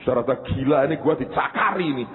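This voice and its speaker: A man voicing an unjust judge who is exasperated and worn down, grumbling fast. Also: medium pitch, animated, pitched below the performer's own voice, natural voice. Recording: echoey hall on a tinny line.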